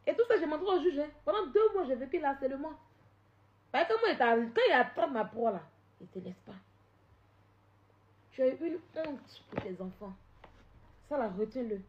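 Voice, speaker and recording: A woman on a live stream, confrontational and repetitive, swinging from loud outbursts to low scolding. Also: lively intonation, normal speed, pauses often, muffled recording. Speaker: social media live streamer. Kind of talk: heated live-stream rant.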